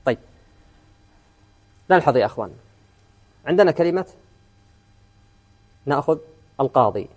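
A man's voice: a little high, expressive, normal speed, pauses often, a little mellow. A man teaching an Arabic grammar lesson in class, often quizzing his students and repeating key words.

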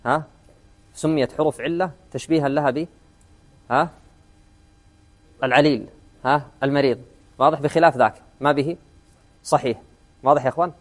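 A man's voice: on the high side, fairly even intonation, fairly quick, long pauses. A man teaching an Arabic grammar lesson in class, often quizzing his students and repeating key words.

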